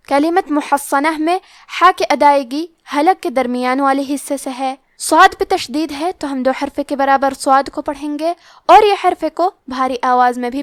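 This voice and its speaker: A woman with a Pakistani Urdu accent teaching Quran recitation rules, explaining each one in a measured way and then reciting the words slowly. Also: high voice, no echo, clean studio sound. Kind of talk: tajweed lesson with slow recitation.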